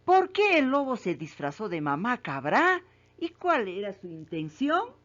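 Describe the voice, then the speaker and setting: A woman's voice: mid-range voice, wildly swooping pitch, unhurried, fairly bright tone. A woman teacher asks children questions about a story, repeats each question, and then confirms the right answer. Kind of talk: reading comprehension quiz for children. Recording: muffled lo-fi recording.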